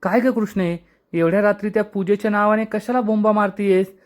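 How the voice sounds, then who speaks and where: A man's voice: high-pitched, level tone, brisk, pitched above the performer's own voice, close to an everyday voice. Man doing stern household woman, scolding, suspicious, raised voice. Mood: questioning.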